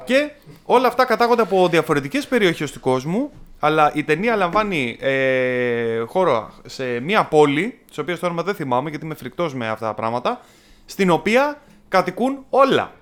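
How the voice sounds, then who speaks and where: A man's voice: a little high, big pitch swings, a bit bright. A man in casual chat, telling a film's story in a rambling, jokey way with many fillers.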